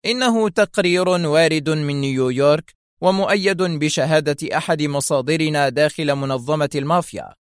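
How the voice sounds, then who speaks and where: Icy indifferent male station chief, voiced by a male reader, stern, mocking calm, dry recording. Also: a little high, normal speed, clear, resonant tone, no echo, close to an everyday voice. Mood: cold.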